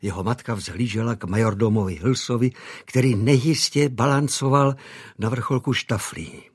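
Husky man narrating an audiobook. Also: medium pitch. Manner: measured, expressive storytelling. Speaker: audiobook reader. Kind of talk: scripted narration.

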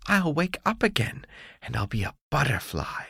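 A man voicing a gentle, dreamy caterpillar in a storybook reading. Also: a little high, sing-song, normal speed, vocal fry, slightly rough, no echo, clean studio sound, pitched above the performer's own voice, exaggerated voice. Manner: soft, wistful.

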